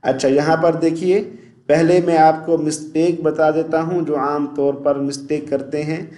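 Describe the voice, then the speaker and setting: A man teaching Quran recitation, stretching the recited words slowly between quick spoken explanations. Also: a little high, dark tone, roomy sound. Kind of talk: online recitation lesson.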